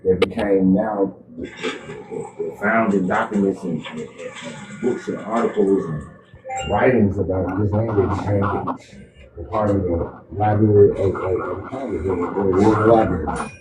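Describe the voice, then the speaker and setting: A man's voice: sits low, unhurried, echoey room, far from the mic. A man talking as a guest in a casual conversation, rambling and repeating himself, his voice fuzzy and distorted. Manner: rambling, repeats "you feel me". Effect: fuzzy distorted audio. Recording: noisy distorted call line.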